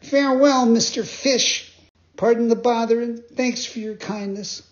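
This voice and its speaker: Puppet boy, high and pleading, eager and easily frightened, voiced by a man; dull lo-fi storybook reading. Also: measured pace. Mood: hurried. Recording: dull lo-fi sound.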